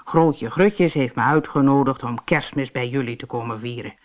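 A woman voicing a generous, kindly old male shopkeeper in a calm, lowered voice. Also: normal speed. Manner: low, calm and friendly.

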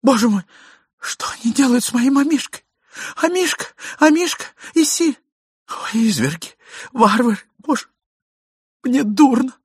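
A man voicing a frightened, hysterical lady who shrieks and calls out in a high voice. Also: expressive, a little slow, long pauses, husky, no echo, clean studio sound, heavily acted.

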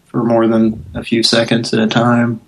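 A man's voice: mid-range voice, completely flat delivery, moderate pace, noisy background. A man co-hosting a prank call show, tossing in dry absurd quips. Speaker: co-host.

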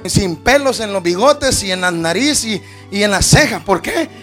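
A man preaching a fiery sermon, often shouting at the peaks and calling his listeners brother. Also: high voice, lively intonation, normal speed, faint music behind. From Latin America.

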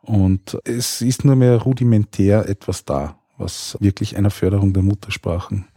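A man, a teacher, answering interview questions in a calm, measured, explanatory way. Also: on the low side, no echo, studio quality.

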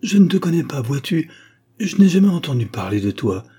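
A scared little wandering girl from a storybook, as a male narrator acts her out. The voice climbs high and pleading, childlike and a little breathless, with a husky edge underneath. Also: very animated, a little fast, warm tone. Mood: frightened. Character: poor wandering little girl, frightened then stubborn. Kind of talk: storybook reading.

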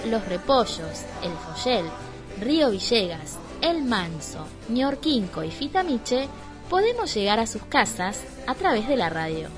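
An Argentine woman introduces a children's radio program with a bouncy, animated voice. Her pitch sits a little high. Loud music plays under her words. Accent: Argentine Spanish. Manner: warm, lively announcing for children.

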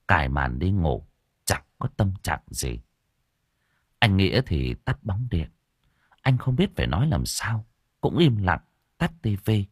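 Husky, expressive male storyteller. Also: low-pitched, dry recording, clean studio sound. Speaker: audiobook narrator. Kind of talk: storytelling narration. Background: faint background music.

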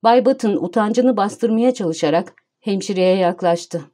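A woman's voice: medium pitch, mellow. Woman reading an audiobook. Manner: measured storytelling. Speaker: audiobook narrator. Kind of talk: scripted narration.

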